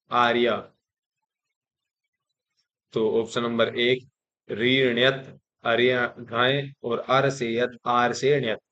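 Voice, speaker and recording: A man's voice: medium pitch, fairly bright tone, muffled recording. Hindi-speaking man teaching Sanskrit grammar. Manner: explains step by step, often saying 'theek hai' to check in; recites Sanskrit rules, then restates them plainly in Hindi. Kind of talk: exam-prep grammar lesson.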